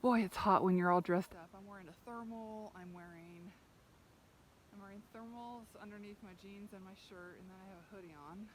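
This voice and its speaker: A woman's voice: mid-range voice, fairly even intonation, a little fast, background noise. A woman chatting casually while riding, laughing often and talking to her horse, outdoors on open range. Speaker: ranch rider vlogger. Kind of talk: casual outdoor vlog chat.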